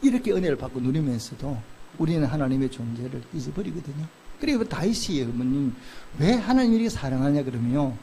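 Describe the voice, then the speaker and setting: A man preaching a sermon as pastor, asking the congregation questions and answering them himself, moving between loud exclamations and soft, slow murmurs. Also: on the high side, expressive, creaky, a little hiss or hum.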